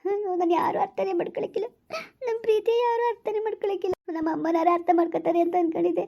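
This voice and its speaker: Woman doing a scared teen girl on the run, pleading, fast high voice. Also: little pitch movement. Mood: fretful. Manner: pleading, fretful. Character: teenage girl Navya, tearful, anxious runaway. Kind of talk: village skit acting. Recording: dull lo-fi recording.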